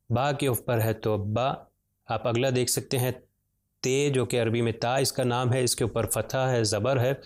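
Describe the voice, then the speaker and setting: A man teaching how to read Quranic letters, patient and slow, stretching out each sound with frequent hesitation fillers. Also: mid-range voice, a little mellow. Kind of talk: step-by-step lesson on Arabic letters and vowels.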